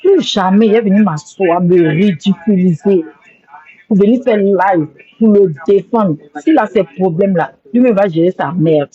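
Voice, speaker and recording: Woman going on and on in a live stream, emotional, repeats herself a lot, mellow voice, muffled phone sound. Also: mid-range voice, moderate pace. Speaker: social media livestreamer. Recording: dull lo-fi phone audio.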